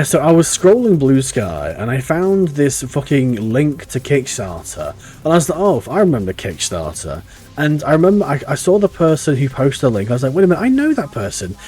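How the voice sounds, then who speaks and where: A man's voice: medium pitch, darkish tone, slightly rough. A man streaming a game live, chatting casually and rambling, swearing freely with lots of restarts. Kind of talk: casual live-stream chat while gaming. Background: faint game music.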